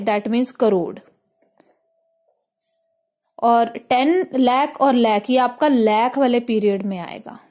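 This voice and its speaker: A woman with an Indian accent teaching a math lesson step by step, mixing English words in and often checking "clear?". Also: high voice, a little mellow. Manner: mixes English terms into Hindi.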